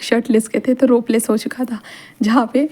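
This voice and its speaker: A woman's voice: a little high, flat delivery, a little fast, mellow. A young woman telling a fan-fiction story in a rambling, casual way, with many restarts. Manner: rambling, frequent restarts and repeated fillers.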